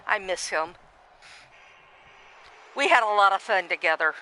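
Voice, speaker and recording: A woman's voice: mid-range voice, lively intonation, unhurried, pushed and bright, low-quality recording. A woman giving chatty play-by-play of a simulated wrestling match, reading viewer comments aloud and often starting her sentences over.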